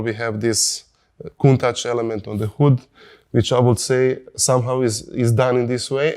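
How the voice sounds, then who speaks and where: Halting man. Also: mid-range voice, darkish tone. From Croatia. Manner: halting, searching for words, repeats himself. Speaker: car designer. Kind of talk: interview clip.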